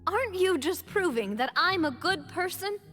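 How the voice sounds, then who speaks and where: High-voiced young noblewoman in a reverberant hall. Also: animated, moderate pace, pushed and bright, heavily acted. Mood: puzzled. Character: bewildered young noblewoman standing trial, plain-spoken and forthright. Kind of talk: video game voice acting. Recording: long hall reverb, music underneath.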